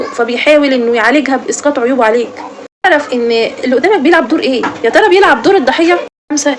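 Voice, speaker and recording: Egyptian woman, self-help vlogger; high voice, very rapid delivery, earnest and direct with the listener. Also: slight background noise. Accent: Egyptian Arabic. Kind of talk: advice talk to camera.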